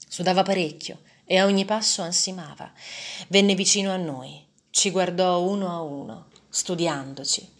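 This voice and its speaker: A woman reading a first-person story aloud in a measured, dramatic way. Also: low voice.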